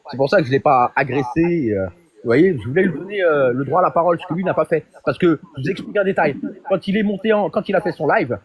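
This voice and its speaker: A man with a notably high voice hosts a live stream and goes on the attack. He hammers a rival with accusations and fires off one rhetorical question after another, repeating lines to drive them home. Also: muffled recording. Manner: confrontational, accusing, rapid-fire rhetorical questions; repeats phrases for emphasis. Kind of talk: heated live-stream rant.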